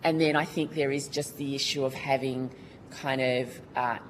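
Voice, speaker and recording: The woman's voice is extremely low in pitch, fairly even in intonation, and moderately paced, with slight background noise. She is Australian, giving formal Senate committee testimony in an earnest, colloquial way and restarting often.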